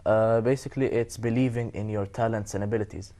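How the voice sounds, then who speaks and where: A man's voice: lowish voice, steady tone, quick pace, mellow. A sixteen-year-old Canadian boy answering as a talk show guest in short, direct sentences. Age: teen. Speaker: young guest.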